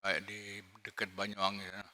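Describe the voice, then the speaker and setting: A male pastor preaching a sermon, swinging between shouted emphasis and quiet asides. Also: fairly low pitch, monotone, moderate pace. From Indonesia. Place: large church hall. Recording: long hall reverb.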